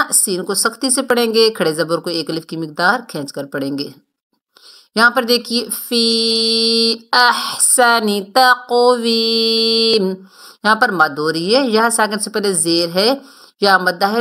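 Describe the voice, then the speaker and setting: Woman teaching quran tajweed, bright clear voice, explains then recites slow and stretched, repeats words over and over. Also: mid-range voice. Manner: breaks from Urdu explanation into slow, drawn-out Arabic recitation; instructive, repeats each word to model correct sounds.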